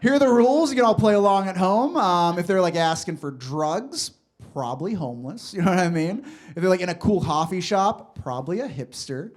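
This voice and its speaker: A man in his thirties from Los Angeles doing a stand-up comedy set in a club, with deadpan punchlines and chatty asides to the crowd. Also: high-pitched, a little fast. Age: 30s.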